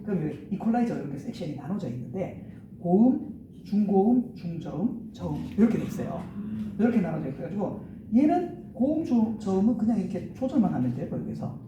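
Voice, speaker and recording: A man with a high, sing-song voice talks a little fast as he leads a live workshop on church sound, going through the mixer one setting at a time and counting into a handheld mic fed through the PA. Recorded from afar in a large, roomy hall, the audio has its highs cut off and a noisy background.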